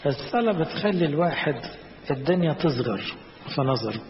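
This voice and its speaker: Egyptian preacher in an echoey hall. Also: male voice, fairly high pitch, expressive, a little fast, a little hiss or hum. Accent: Egyptian Arabic. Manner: explains scripture plainly, in a teaching tone. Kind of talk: sermon. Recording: echoey hall, slightly dull sound.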